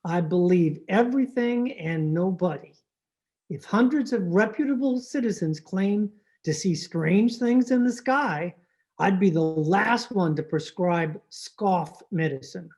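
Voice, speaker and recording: A woman's voice: lowish voice, unhurried, a little mellow. A woman playing a droll, wisecracking veteran family doctor in old-time radio comedy, with dry, wordy sarcasm. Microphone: video call microphone.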